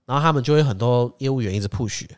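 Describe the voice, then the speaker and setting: A man's voice: mid-range voice, fast talker, smooth. A man in his twenties with a Taiwanese Mandarin accent, chatting casually and telling stories animatedly. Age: 20s. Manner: animated storyteller, acts out other people's lines. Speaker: podcast co-host. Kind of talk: casual chat.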